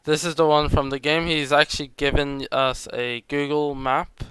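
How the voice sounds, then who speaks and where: Guy streaming a bus game, bright crisp voice, teases a lot. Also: fairly high pitch, little pitch movement, normal speed, no room sound. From Netherlands. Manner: teasing, explains things patiently. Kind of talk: casual chat while gaming.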